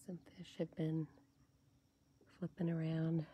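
An older woman speaks softly and musingly, often dropping to a breathy half-whisper. Her voice sits very low and stays flat, with a husky edge. She talks slowly, like a quiet devotional vlog recorded on a phone held at arm's length outdoors. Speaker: faith vlogger. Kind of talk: casual devotional vlog and prayer. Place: on a kayak on a lake outdoors.

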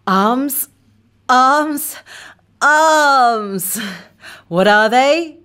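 A young woman hosting a children's show, teaching words with exaggerated, playful delivery and slow, clear repetition. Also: high voice, animated, a bit bright. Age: young adult. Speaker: kids show host. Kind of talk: children's English vocabulary lesson with acted exercise skits. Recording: music behind the voice. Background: children's music.

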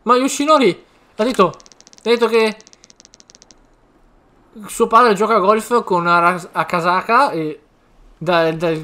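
A man reading subtitle lines for a frustrated young orphan boy who is being bullied, pitched a bit higher. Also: slow pace, pauses often, bright, forceful tone, full character voice. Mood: upset.

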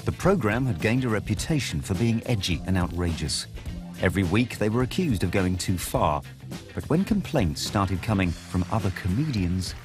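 Low-voiced documentary narrator with music. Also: male voice, expressive, normal speed.

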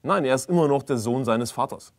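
A man's voice: mid-range voice, a little fast. Fiery male preacher, insistent and repetitive. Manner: emphatic, insistent, repeats key phrases; swings from quiet stress to loud condemnation. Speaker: pastor. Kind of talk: fiery sermon.

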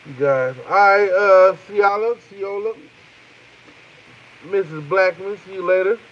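A man with a high voice rambles through a live stream, joking and greeting viewers in loose, profane banter. The audio is dull and lo-fi. A faint hiss sits under it. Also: measured pace.

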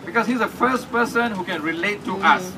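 A man from Singapore giving a humorous, emotional speech at an outdoor rally, with halting restarts. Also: sits high, a loud crowd. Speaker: village councilman. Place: outdoors on building steps in a crowd. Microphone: handheld mic, filmed by a phone from far off. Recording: distant phone video of a crowded street rally.

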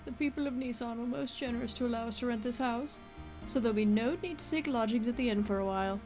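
A woman's voice: fairly high pitch, quick pace, close to an everyday voice. A woman puts on an elderly manservant from a video game, an old man who is a bit grumpy. He speaks with formal, deferential courtesy, and music plays behind him. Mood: courteous, formal. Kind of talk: video game dialogue read aloud.

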